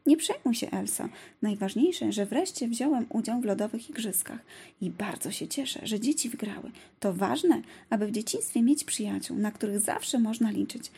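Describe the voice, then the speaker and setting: A woman's voice: on the high side, expressive, moderate pace, gravelly, warm tone, slightly rough, full character voice. A woman reading a kind, easygoing young man.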